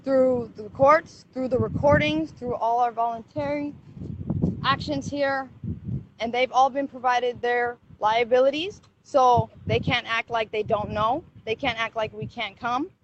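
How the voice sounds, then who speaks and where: A woman's voice: fairly high pitch, fairly even intonation, a little slow. A mother outdoors beside parked vehicles, speaking urgently and repeating her demands into a handheld phone. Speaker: mother confronting officials. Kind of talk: live phone recording of a confrontation. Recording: dull lo-fi phone audio with faint noise.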